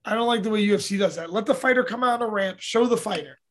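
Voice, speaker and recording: This high-voiced New Yorker, both a podcast host and an MMA fighter, talks very fast in a bit-bright tone during a casual, profanity-laced chat. He rambles, swears without restraint and acts out his own quotes.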